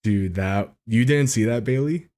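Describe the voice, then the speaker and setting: A man's voice: mid-range voice, unhurried. A man co-hosting a podcast, telling stories in casual chat and swearing freely. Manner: swears freely, animated storytelling. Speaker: podcast co-host.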